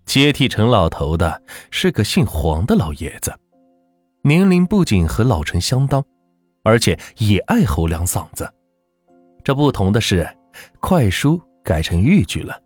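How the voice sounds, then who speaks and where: A man narrating a folk ghost story as the channel's host, in a dramatic, lively storytelling manner. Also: fairly low pitch, measured pace, no room sound, soft background music.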